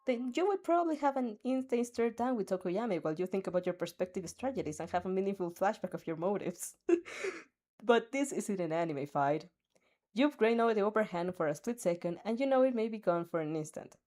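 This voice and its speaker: Reading a fan story written in second person, a woman keeps stumbling over words, starting again and giggling. She's animated and brisk, with a mid-range voice of darkish tone.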